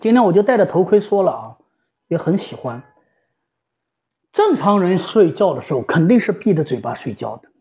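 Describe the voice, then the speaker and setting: A woman's voice: on the low side, big pitch swings, moderate pace, pauses often, warm tone. A woman giving an informal, conversational explanation as a specialist, repeating phrases for emphasis. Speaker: home ventilator specialist and shop staff. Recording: slightly dull, lo-fi sound.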